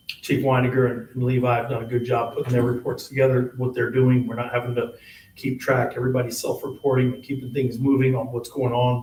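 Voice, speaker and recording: A man giving a fire chief's report at a township board meeting, in a plain, even way. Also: mid-range voice, slight background noise. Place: meeting room. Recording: echoey room from far off.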